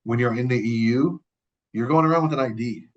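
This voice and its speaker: On a podcast, a guest from the Middle East casually relates personal stories in a brisk, mid-range voice, with the high frequencies cut off. He leans on repeated words for emphasis and often starts sentences over, correcting himself as he goes.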